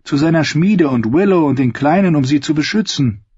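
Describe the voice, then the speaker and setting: A man reading a story aloud, voicing a hardened young girl who answers flatly and without pity. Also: on the high side, brisk, slightly rough, no echo, lo-fi sound, pitched above the performer's own voice. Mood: cold. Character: hard, cold young girl, unmoved.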